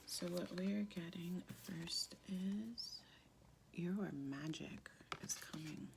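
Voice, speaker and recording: A woman with a deep, sultry, husky smoker's voice gives a soft-spoken, casual tarot reading in a halting, informal way. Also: background noise. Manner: halting, informal, with pauses and frequent "like". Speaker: tarot card reader.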